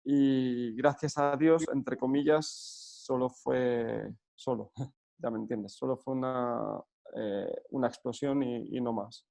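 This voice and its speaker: A man from Spain, a football coach answering interview questions earnestly, pausing often with fillers. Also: medium pitch, fairly even intonation, vocal fry, darkish tone. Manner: earnest, hesitant with frequent fillers and restarts.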